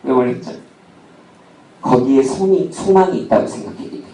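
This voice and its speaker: A man's voice: medium pitch, brisk, warm tone, slight background noise. A male pastor preaching a sermon, asking the congregation questions and telling a humorous personal story. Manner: asks the congregation rhetorical questions. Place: church sanctuary. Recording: echoey hall, mic at a distance.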